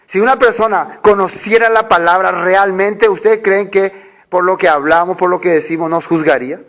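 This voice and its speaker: A man with a notably high voice preaches a sermon. He reads scripture aloud, then unpacks it through a string of rhetorical questions that he answers himself. His delivery is that of a congregation's preacher. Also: steady tone, moderate pace, a bit bright. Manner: reads scripture verses aloud and explains them.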